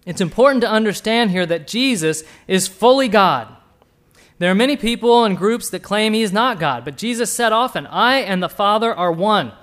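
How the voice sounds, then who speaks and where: A man preaching a sermon, asking the listeners direct questions and swinging between hushed and emphatic delivery. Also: high-pitched, animated, normal speed.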